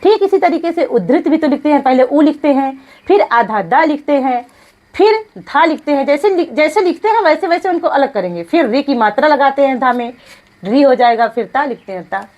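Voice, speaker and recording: Female grammar teacher: high-pitched, very animated, works through the lesson in self-answered questions. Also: moderate pace, recorded from a distance, highs cut off. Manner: asks questions and answers them herself; repeats key terms, checks in with "ठीक है". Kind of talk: classroom lesson.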